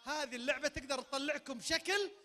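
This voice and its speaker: High bright-voiced Saudi game host. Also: male voice, fast. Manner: energetic, barks sudden commands. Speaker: game host at a public event. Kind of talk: leading a party game for a crowd. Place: large event tent. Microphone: handheld microphone.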